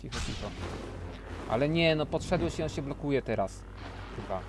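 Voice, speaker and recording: A man commenting on his gameplay with a friend, swearing constantly and bursting into furious shouting. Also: mid-range voice, animated, moderate pace, noisy background. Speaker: gaming streamer.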